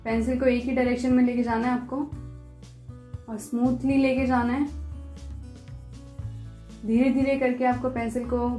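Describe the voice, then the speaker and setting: A woman art teacher talking through a step-by-step pencil shading tutorial, patient and repetitive, softly guiding the viewer. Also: on the high side, little pitch movement. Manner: patient, repeats instructions, soft and unhurried. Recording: echoey room with faint music.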